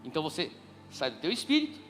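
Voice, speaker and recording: A man's voice: a little high, huge pitch swings, fast, a bit bright, faint music behind. A man preaching a sermon, telling a family story and acting out the dialogue with big voice swings. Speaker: pastor.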